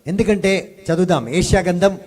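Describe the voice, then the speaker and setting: Man preaching, call-and-response sermon, somewhat high voice, emphatic stretched phrases, handheld mic. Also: a little fast, darkish tone. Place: healing service hall. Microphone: handheld microphone.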